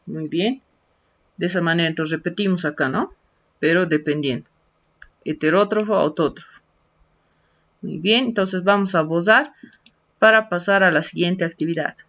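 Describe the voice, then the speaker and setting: A woman's voice: fairly low pitch, a bit bright. A woman teacher patiently walking students through textbook activities step by step in an online lesson. She often adds a questioning tag and stretches out key words as she writes them. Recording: dull lo-fi screen-recording audio.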